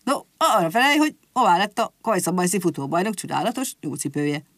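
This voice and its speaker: A woman voicing a forgetful old grandpa rabbit who grumbles and mutters gruffly. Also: fairly low pitch, lively intonation, no room sound.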